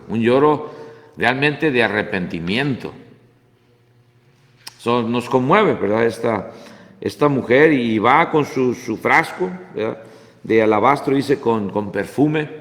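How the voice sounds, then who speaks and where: A man's voice: mid-range voice, fairly bright tone. A man teaching a Bible class in a church hall, talking conversationally and dropping in English tags. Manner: conversational, mixing in English tags, frequent "¿verdad?".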